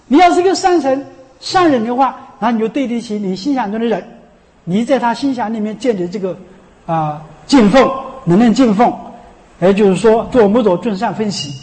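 A man's voice: very high-pitched, darkish tone. A male Buddhist monk giving a sermon, often asking his listeners rhetorical questions and chanting a sacred name as he teaches. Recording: long hall reverb.

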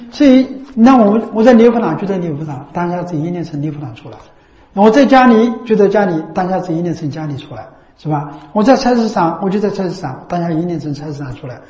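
A man's voice: high voice, mellow. A man giving a Buddhist dharma talk to listeners in a recitation hall, repeating phrases and often checking with rhetorical questions. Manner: repetitive, asks frequent rhetorical tag questions. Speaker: Buddhist teacher. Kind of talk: dharma talk to a lay audience. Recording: roomy, slightly dull recording.

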